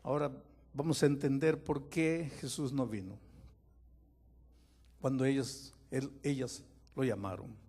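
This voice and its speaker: A man, a pastor, preaching a dramatic sermon, moving from quiet storytelling to loud impassioned pleading and putting questions straight to his listeners. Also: medium pitch, steady tone, measured pace, vocal fry, pauses often, breathy edge. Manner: speaks to listeners directly with questions.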